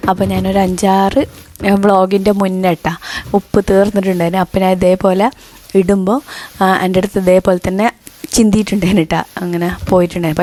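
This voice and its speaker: A woman narrating a casual day-in-the-life vlog in a soft, hushed voice, chatty and explaining each step as she goes. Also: medium pitch. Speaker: vlogger.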